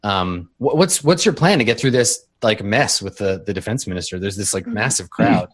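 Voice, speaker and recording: A man's voice: fairly low pitch, animated, normal speed. A man narrating as game master in a casual, chatty way. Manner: casual and chatty, with fillers and laughs.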